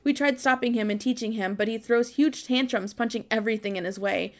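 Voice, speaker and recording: A woman's voice: fairly high pitch, brisk, lightly acted. A worried peasant in a medieval game, read by a woman. The delivery is earnest and insistent, pleading with emphasis to a ruler. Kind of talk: reading game dialogue aloud.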